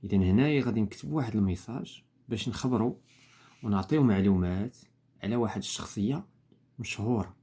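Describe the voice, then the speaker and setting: A man with a Moroccan accent teaches a lesson at a steady, patient pace, going through each point one at a time. His voice sits fairly low, with a dark, husky tone. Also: fast talker. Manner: patient, explains step by step with frequent fillers. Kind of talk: lesson explaining worksheet answers.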